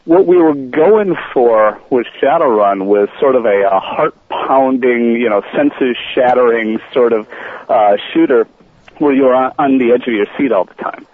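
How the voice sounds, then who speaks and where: Husky man on a tinny phone line. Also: medium pitch, moderate pace, no room sound. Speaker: studio manager guest. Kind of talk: phone-in interview. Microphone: telephone.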